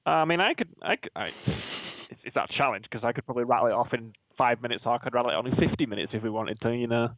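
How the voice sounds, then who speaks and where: A Yorkshire man chats at a brisk pace in an informal, matey way, full of slang. His mid-pitched voice sounds like a casual podcast co-host. The recording is close and dry but a little muffled and lo-fi. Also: vocal fry, fairly bright tone, no room sound. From Yorkshire, England. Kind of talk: casual chat. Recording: dull, lo-fi audio.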